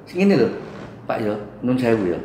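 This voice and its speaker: Animated East Javanese man telling his grievance. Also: medium pitch, moderate pace. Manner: acts out quoted arguments, switching into Javanese. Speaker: resident in a neighborhood dispute. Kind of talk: animated retelling to a mediator. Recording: echoey room with faint background hum.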